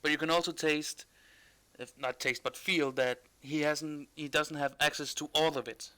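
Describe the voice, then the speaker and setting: A man's voice: a little high, steady tone, moderate pace, bright, forceful tone. A man narrating a tabletop role-playing game as game master in a casual, conversational style.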